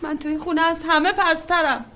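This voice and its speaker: Film drama: anxious, overprotective mother, high voice, faint room noise. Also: level tone, pushed and bright. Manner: worried, pleading, then heated.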